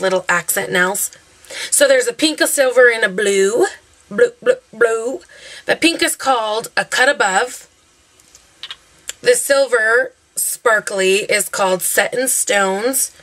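A chatty young woman raves about her favorite beauty products, her voice bright and a little high. She rambles happily, scattering "um" and "like" as she goes. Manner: chatty, gushing, lots of fillers. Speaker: beauty vlogger. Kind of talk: casual favorites review.

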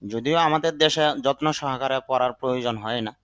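A man teaching English vocabulary, saying each word slowly, sometimes twice, then giving its meaning. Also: medium pitch, a bit bright, smooth. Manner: repeats words slowly, then gives the meaning. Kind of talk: slow vocabulary lesson.

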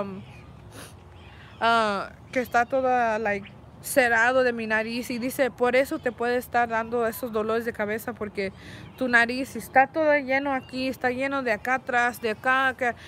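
Bright-voiced woman chatting outdoors. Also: sits high, a little hiss or hum. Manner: switches between Spanish and English mid-sentence; chatty, restarts words often with filler ums. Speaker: vlogger answering viewer questions. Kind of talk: casual chat. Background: faint street and vehicle sounds.

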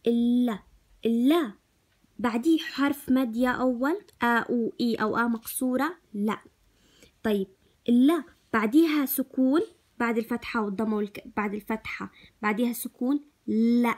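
A woman with a husky, somewhat high voice teaches young pupils in a recorded lesson. She stretches out each syllable and repeats her questions patiently to the class. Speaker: first-grade teacher. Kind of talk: recorded online phonics lesson.

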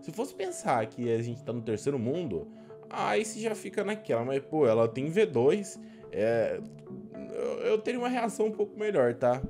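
A young Brazilian man giving casual, slangy reaction commentary as a gaming YouTuber, expressive and prone to exclaiming. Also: a little high, normal speed, faint music behind. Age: young adult. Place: small indoor room at a desk.

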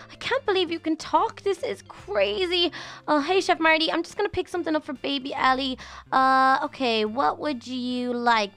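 Young woman with a high voice chatting thru a minecraft roleplay, motherly, kids music behind. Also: a bit bright. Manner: chatty and motherly, with gasps and lots of fillers. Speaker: YouTube role-play host. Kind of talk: Minecraft role-play narration.

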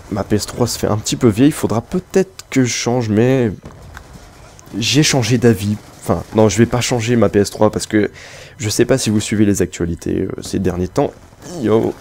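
Guy rambling over his gameplay, lowish voice, lots of um's, keeps reacting to the match. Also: warm tone, a little hiss or hum. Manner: rambling, many fillers, reacts to the game mid-sentence. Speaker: gaming video creator. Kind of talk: casual chat over live gameplay.

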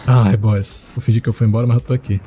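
A streamer plays a horror game while giving fast, excitable live commentary and chatting with his viewers. When he panics he jumps to high yelps, and there is noise in the background.

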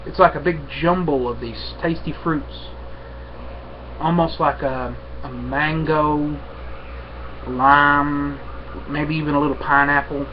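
A young man chatting casually to camera at home in an unhurried, halting, rambling way. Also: fairly high pitch, steady tone. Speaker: vlogger, pipe smoker. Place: small room at home, indoors. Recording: dull webcam audio with faint noise.

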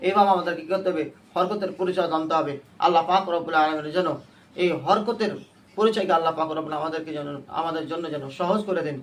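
A high-pitched male teacher leads a Quran reading class. He asks short questions over and over and waits for the students to answer in chorus. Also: fast. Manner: drills students with repeated questions. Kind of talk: call-and-response class lesson.

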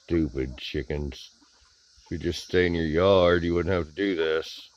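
Deep and a little slow, with slight background noise, this man's voice narrates a relaxed vlog among the chicken coops of his rural backyard. He films the flock on a handheld camera and mutters wry comments at them, the lo-fi audio dull and full of clucking.

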